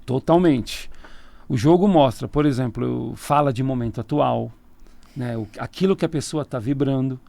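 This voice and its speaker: A man's voice: medium pitch, moderate pace, vocal fry, warm tone, no echo. A man with a Brazilian Portuguese accent, a tarot reader talking casually as a radio interview guest, explaining at length and laughing easily. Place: radio studio.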